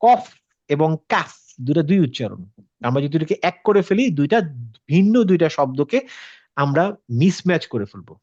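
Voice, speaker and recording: A man's voice: a little high, very animated, normal speed, pauses often, a little mellow, no echo. Patient male tajweed teacher, lo-fi. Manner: patient, checks with students by asking questions; mixes English words into his talk. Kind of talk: interactive class explanation. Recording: slightly dull, dry lo-fi audio.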